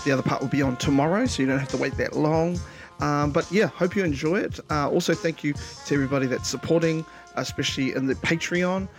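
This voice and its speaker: A man's voice: a little high, fast, soft background music. A man chatting casually and slangily as a podcast host. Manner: slangy, says bro often. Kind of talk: casual chat.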